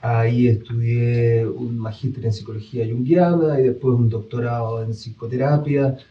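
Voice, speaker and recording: A middle-aged man speaks as a psychologist guest on a live radio show, calm and explanatory at a mid pitch. He sits away from the microphone in a roomy studio, and the recording sounds dull and lo-fi. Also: normal speed, recorded from a distance. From El Salvador.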